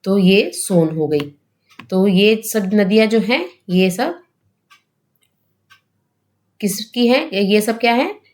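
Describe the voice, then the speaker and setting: A woman teaching a grammar lesson for exam preparation. She asks questions and answers them herself, often tags on a checking question, and slows down to spell out example words. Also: medium pitch, lively intonation, a little mellow.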